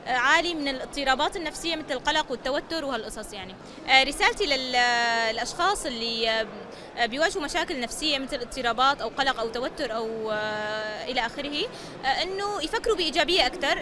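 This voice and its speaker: A woman, a psychological support worker explaining ideas in an interview in a lecturing way. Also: sits high. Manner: fluent, lecturing, with frequent fillers. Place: busy indoor exhibition hall. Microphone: handheld interviewer mic. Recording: noisy busy hall.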